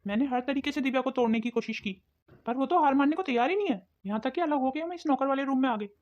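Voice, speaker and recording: A woman's voice: sits high, fast, darkish tone, highs cut off, natural voice. A woman voicing a conflicted young husband in a cartoon story, who questions and suspects his wife. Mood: puzzled. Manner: suspicious, questioning. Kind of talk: cartoon voice acting.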